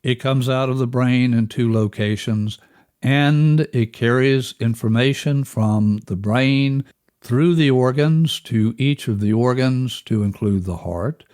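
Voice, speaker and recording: Male relaxation instructor, average pitch, extremely unhurried delivery, measured step-by-step guidance for a breathing lesson. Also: a little mellow. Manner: measured, instructional, counting out steps.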